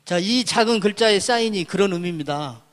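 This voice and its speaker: High-voiced man lecturing on characters. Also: lively intonation, a little fast, fairly bright tone. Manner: explanatory, pointing at characters on a board; asks and answers his own questions. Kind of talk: public lecture on Chinese characters.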